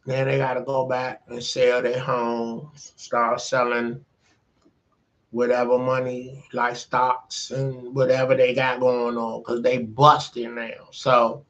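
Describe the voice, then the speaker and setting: A man's voice: medium pitch, monotone, takes it slowly, fairly bright tone, highs cut off. A man casually retelling a movie plot and giving his opinion, in a laid-back, slangy, rambling way. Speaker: host.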